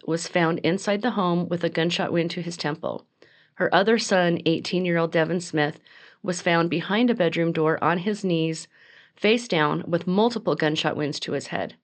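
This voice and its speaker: A woman hosting a true crime podcast, reading a case from notes in a calm, steady narration with small slips and restarts. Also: lowish voice.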